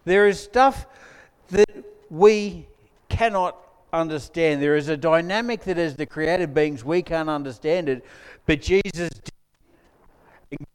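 With long hall reverb around him, a man preaches as pastor into a church-hall mic, keeping it conversational with jokes aimed at the congregation. He speaks slowly and smoothly in a slightly high voice, pausing often.

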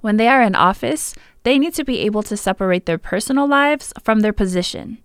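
A woman's voice: a little high, expressive, a little fast, clear, resonant tone, no room sound, clean studio sound. A woman reading scripted narration as the host of a podcast.

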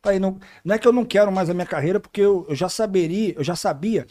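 A man's voice: sits high, racing. A man, a podcast guest telling stories in casual slangy chat, acting out the people in them. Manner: animated, slangy, acts out voices in his stories. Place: podcast studio.

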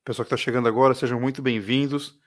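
A man's voice: mid-range voice, fairly even intonation. Man teaching English on a live stream. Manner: reads English phrases slowly for viewers to repeat; mixes English words into his talk.

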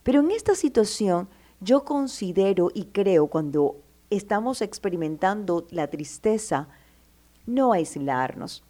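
In a warm, sing-song, mid-range voice, a woman takes her time offering motivational advice. Affectionate and emphatic, she calls her listener "my love" and dramatizes their inner doubts.

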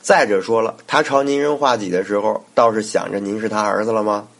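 A man's voice: fairly low pitch, fairly even intonation, fairly quick. A man voicing a scheming older male court minister who coaxes and persuades. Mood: coaxing. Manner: wheedling, persuasive.

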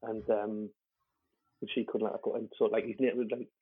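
A man's voice: on the low side, flat delivery, normal speed, husky. A man, a comedian guest, telling a candid story in a rambling way, full of fillers and restarts, swearing and laughing as he talks. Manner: swears freely and laughs while talking. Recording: lo-fi phone-like audio.

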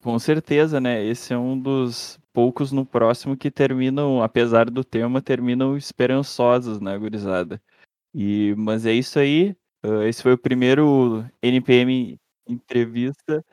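A man's voice: mid-range voice, steady tone, a little slow, a little mellow, clear, resonant tone, no room sound. Southern Brazilian man hosting, close dry sound. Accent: southern Brazilian, Rio Grande do Sul. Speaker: podcast host. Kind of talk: casual podcast interview.

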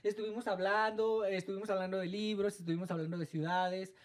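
Animated woman telling a story. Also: medium pitch, fairly quick. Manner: animated, theatrical storytelling with sing-song sound effects. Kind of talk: casual chat.

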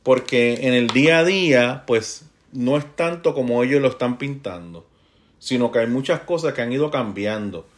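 Puerto Rican man, chatty teacher. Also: medium pitch. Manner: frequent tag questions, halting restarts. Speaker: high school Spanish teacher. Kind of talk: casual conversational monologue.

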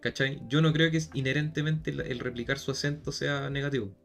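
A man's voice: medium pitch, flat delivery, brisk, gravelly, soft background music. A man with a Chilean Spanish accent in a casual debate, who keeps stressing his point and repeating himself.

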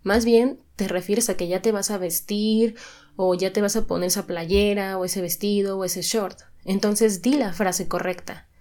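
A woman's voice: mid-range voice, fairly even intonation, moderate pace, dark tone. A young adult woman with a Mexican accent, hosting a podcast and giving chatty, encouraging advice, often repeating herself for emphasis. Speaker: podcast host and style coach. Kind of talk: casual motivational talk.

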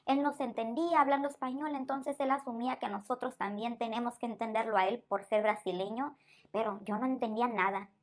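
A woman's voice: on the high side, fairly even intonation, fairly quick. Curious woman asking questions. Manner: curious, asks follow-up questions. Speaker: interviewer. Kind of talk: conversational podcast interview.

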